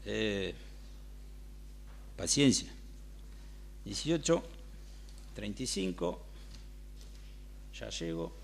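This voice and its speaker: Man, Rioplatense accent, gravelly conversational sermon delivery in a church. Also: fairly low pitch, expressive, extremely slow, long pauses, slight background noise. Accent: Rioplatense Spanish. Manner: conversational, asks the congregation questions. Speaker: preacher.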